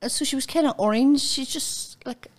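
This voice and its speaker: A woman co-hosts a casual podcast and tells stories in an animated, laughing way. Her voice sits fairly high. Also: moderate pace. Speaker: podcast co-host. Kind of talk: casual storytelling chat.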